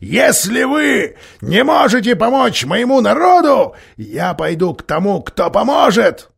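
A man voicing a bitter, defiant male dwarf who sneers and bursts into shouts. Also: fairly high pitch, big pitch swings, a little slow, vocal fry, husky, full character voice. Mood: shouting.

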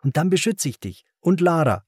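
A man voicing an excited, insistent twelve-year-old boy in an audiobook, his voice pushed much higher than his own. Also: normal speed, no echo, studio quality. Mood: eager pleading. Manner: eager, insistent.

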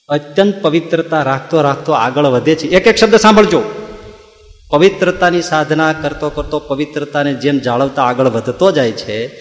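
Male preacher, higher voice, rhetorical and teasing, recorded in a reverberant hall. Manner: rhetorical questions and teasing asides. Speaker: religious discourse speaker. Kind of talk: devotional sermon to a live gathering.

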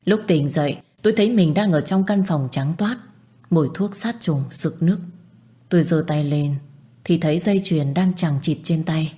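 Warm, low-voiced woman telling a sad story. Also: moderate pace. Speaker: narrator. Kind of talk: first-person story narration.

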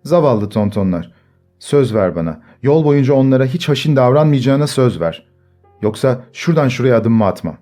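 A man voicing a fussy, tearful young woman in a storybook reading, high and pleading. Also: animated, normal speed, dark tone, faint music behind, natural voice. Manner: shrill and pleading.

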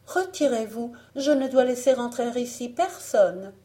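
A woman voicing a gentle young princess in an audiobook fairy tale, who politely turns down a stranger. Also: on the high side, expressive, measured pace, voice pushed up. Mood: wary, polite.

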